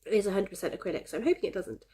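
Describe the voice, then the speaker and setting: A woman with a medium-pitched, dark-toned voice talks rapid-fire in her casual crafting vlog. Cheerful and rambling, she chats to the camera while a head cold makes her a little congested and coughy.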